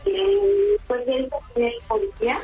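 A Mexican woman calling into a radio show on speakerphone, the phone held away from her so she sounds far off, talking hesitantly with pauses and fillers. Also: high-pitched, lively intonation. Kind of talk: phone call on live radio. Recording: muffled phone line with faint music.

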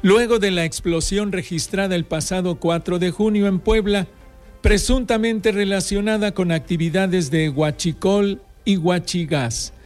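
A man with a Mexican Spanish accent reading regional news items in a steady, formal delivery. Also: sits high, measured pace. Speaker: radio news reader. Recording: faint music bed behind voice.

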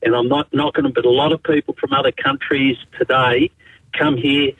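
A man's voice: mid-range voice, flat delivery, fairly quick, breathy edge, no room sound. A man from Spain with an Australian accent, calling in to a radio show, blunt and matey with broad slang. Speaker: caller. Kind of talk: phone-in radio call. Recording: tinny phone line.

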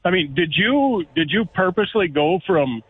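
A man's voice: high voice, expressive, normal speed. A man calling in to a radio show, mocking and exasperated. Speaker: caller. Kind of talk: call-in radio banter. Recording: dull lo-fi phone line with faint noise.

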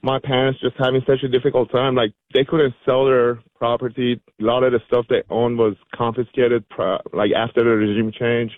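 A man's voice: mid-range voice, level tone, moderate pace, few pauses, no room sound. A man who grew up in Iran, calling in to a radio show, fervent and grateful, speaking with frequent ums and likes. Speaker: caller. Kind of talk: phone-in call. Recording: tinny phone line.

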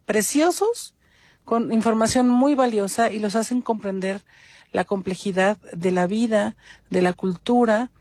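A woman's voice: mid-range voice, a little mellow, no room sound. Mexico City woman leaving a voice message. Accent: Mexico City Spanish. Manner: earnest, fluent, lists things in long runs. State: leaving a recorded voice message for a radio show. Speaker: radio caller. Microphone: phone voice note.

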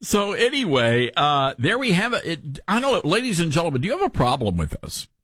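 A male talk radio host with a mild Southern American accent and a husky voice. His delivery is folksy and animated, with pitch that moves around a lot. The sound is dry and close, like a studio. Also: brisk, dry recording. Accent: mellowed Southern American. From Southern US, Tennessee. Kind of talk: conversational talk radio commentary.

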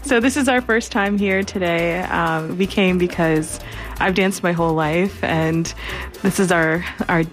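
A woman speaks in a casual interview after a dance class, bubbly and quick to laugh. Her voice sits somewhat low. Faint music plays in the background.

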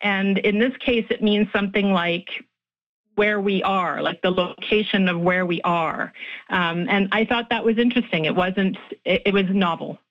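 On a lo-fi radio recording, a female linguist guest describes her research at a moderate pace, her medium-pitched voice fairly even in intonation. She laughs easily and is thoughtful, often restarting and using fillers.

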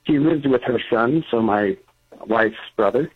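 Husky man calling in over a phone line. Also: medium pitch, measured pace. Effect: phone line into the show. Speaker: caller. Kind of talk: call-in advice question. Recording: tinny phone line that breaks up.

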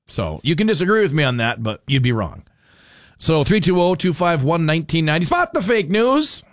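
Chatty talk radio host, dry studio sound. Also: male voice, on the high side, very animated, normal speed, no echo. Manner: chatty, banters with callers and producer. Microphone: studio microphone.

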